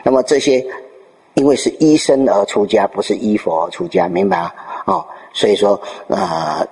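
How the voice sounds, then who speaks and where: A man giving a Buddhist dharma talk, telling a Zen story with lively storytelling and rhetorical questions to his listeners. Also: on the low side, moderate pace. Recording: long reverb in a hall.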